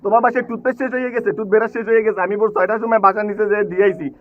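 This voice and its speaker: Young Barishal-accented man, high and fast, boastful ranting sketch delivery. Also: steady tone, phone-quality sound. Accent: Barishal Bengali. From Barishal, Bangladesh. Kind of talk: comedic rap and sketch acting.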